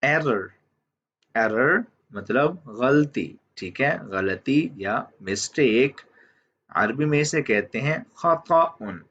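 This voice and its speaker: A man teaching vocabulary, who says each word and then says it again slowly, often checking in with "theek hai". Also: medium pitch, lively intonation, fairly bright tone, a little hiss or hum. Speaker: language teacher. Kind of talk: slow vocabulary lesson. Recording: dull lo-fi audio.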